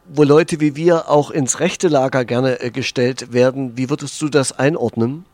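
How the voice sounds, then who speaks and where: A man hosting a radio interview, asking calm, measured questions. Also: medium pitch, no room sound. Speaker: host.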